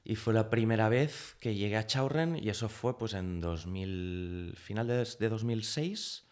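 Low-voiced man in his thirties. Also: a little slow. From Spain. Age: 30s. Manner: chatty, acts out quoted dialogue with rising pitch. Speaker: guest, pastry chef. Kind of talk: casual interview storytelling.

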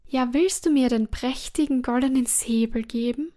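Death as a cold, patient spirit from a fairy tale, voiced by a woman reading aloud. It speaks slowly and quietly, coaxing and bargaining, only a little apart from the narrator's clear, fairly high voice. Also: lightly acted.

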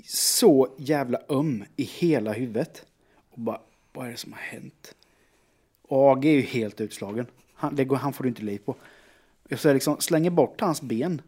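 A man in a casual chat telling an anecdote, acting out what people said. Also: medium pitch. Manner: animated storyteller who acts out quotes.

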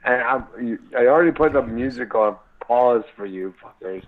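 A man's voice: mid-range voice, moderate pace. Stammering man on a crackly phone line. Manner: profane, stammering with many restarts. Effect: crackly phone line that keeps breaking up. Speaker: caller into a radio show. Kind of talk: rambling live call-in chat. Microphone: cell phone. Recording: tinny cell phone line.

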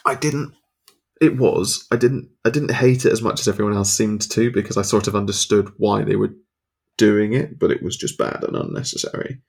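A man co-hosting a casual podcast chat, blunt and dry, quick to argue a point. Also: on the low side, steady tone, gravelly, breathy edge. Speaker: podcast co-host.

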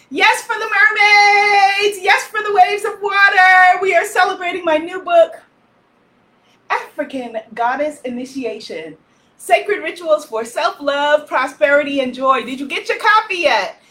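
A loud, exuberant woman hosting a live stream as an author, reading out viewer comments and cheering often. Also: extremely high pitch. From Guyanese-Caribbean family. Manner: frequent laughter, cheering chants.

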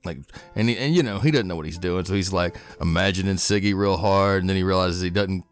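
A man playing a tabletop game, describing his character's actions in a halting, thinking-aloud way. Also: sits low, faint music behind. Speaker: player.

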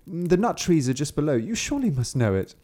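A man voicing an innocent, trusting young girl in a high, sing-song manner. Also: very animated, fairly quick, warm tone. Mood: chirpy.

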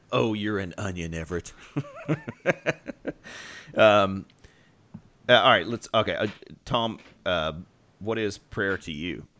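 A man's voice: deep voice, slow pace, pauses often, a bit bright. A man with an Oklahoma accent hosting a casual podcast in a jokey, rambling way. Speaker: podcast host.

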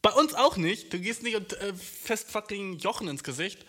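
A young man rambles through a casual podcast monologue, leaning on slang and endless fillers. His voice sits a bit high for a man. He keeps circling back with "Dude" as he talks straight to the listener. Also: lively intonation, normal speed, a bit bright.

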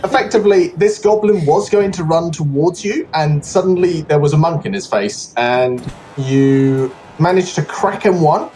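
A man narrating as game master, relaxed and unhurried, with fillers. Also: on the high side, slight background noise, poor audio.

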